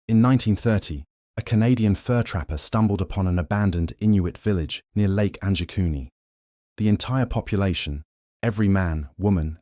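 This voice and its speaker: Low dark-voiced guy reading creepy facts, ominous and measured, dry close mic. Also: no room sound. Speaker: narrator. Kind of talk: scripted horror narration.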